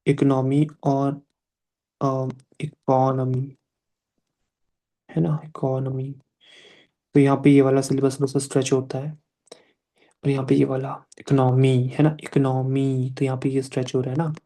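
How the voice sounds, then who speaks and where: A man in his young adult years runs a live pronunciation class, switching between Hindi and English. He speaks in a mellow, fairly even voice. He stays patient and drags out words to show how they should sound. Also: mid-range voice. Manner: patient, repeats words slowly to demonstrate sounds.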